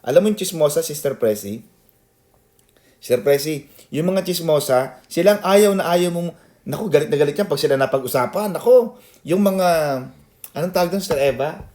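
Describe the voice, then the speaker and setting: A man's voice: fairly high pitch, animated, normal speed, pauses often, darkish tone. A man pastor preaching a sermon, addressing members of his congregation by name and mixing in English phrases.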